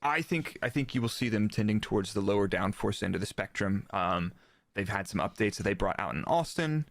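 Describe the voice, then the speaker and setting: A live interview features a former Formula 1 performance engineer as guest expert, who speaks animatedly and fairly quickly while informally explaining technical motorsport points and illustrating them with quoted remarks. His voice is lowish, and the audio is clean studio sound without any room sound.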